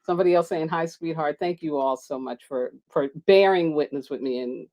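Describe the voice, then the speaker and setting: Talking a little fast, a low-voiced woman chats loosely and warmly with her live-stream viewers about astrology. She's loud, laughs often and jumps high in pitch when excited, her mic set down on the table, and the audio sounds dull.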